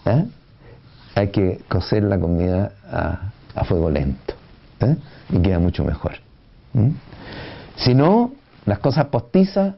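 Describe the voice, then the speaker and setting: A man giving an unhurried classroom lecture on education, often pausing with "eh" and tag questions. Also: medium pitch, creaky. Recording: dull lo-fi recording.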